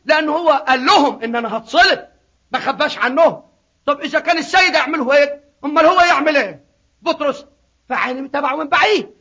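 A man preaching a sermon, swinging from hushed asides to shouted appeals. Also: extremely high pitch. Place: church in Sydney. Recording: dull lo-fi recording.

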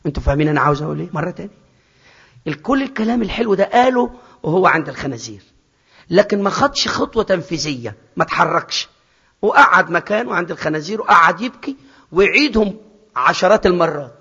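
Brief: a high-voiced male preacher with an Egyptian Arabic accent, questioning his flock, in an echoey church hall. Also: expressive, fast, breathy edge. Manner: questions the congregation, repeats phrases, drops to soft and rises to loud. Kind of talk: sermon. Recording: dull, reverberant church hall.

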